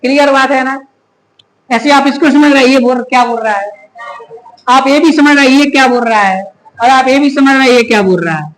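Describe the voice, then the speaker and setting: A man's voice: very high-pitched, fairly quick, a bit bright, slight background noise. A male physics teacher giving a classroom lecture, who keeps asking the class rhetorical questions and repeating key terms. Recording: echoey room.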